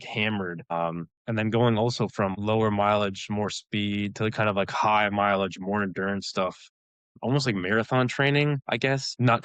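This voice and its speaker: A man with a lowish voice recounts his experiences in a relaxed, rambling way, dotting his talk with fillers and quick laughs. The sound is close and dry, with no room around it. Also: no room sound. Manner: relaxed storytelling, many "like" fillers, laughs often. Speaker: guest, elite runner. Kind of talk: casual interview chat.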